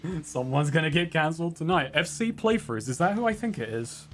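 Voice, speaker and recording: A man's voice: fairly high pitch, expressive, brisk, faint music behind. A man streaming a video game, chatting casually, laughing often and swearing in playful exasperation.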